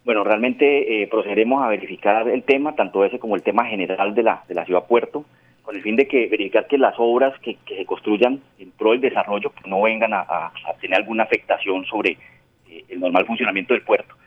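A man's voice: on the low side, brisk. A man, a port captain, answering interview questions over the phone in formal official language with frequent hesitations. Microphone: telephone. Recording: tinny phone line.

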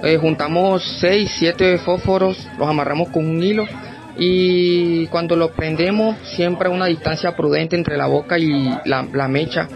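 A man explains a technique in an interview. His voice is fairly high, and music and a crowd are clearly heard behind him. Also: steady tone, unhurried, lo-fi sound. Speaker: carnival dancer, interviewee.

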